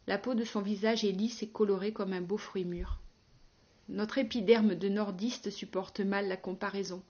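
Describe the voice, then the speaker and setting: A woman narrating a first-person novel in a wry, ironic and measured tone. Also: medium pitch, fairly even intonation, a little mellow, dull audio. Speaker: audiobook narrator.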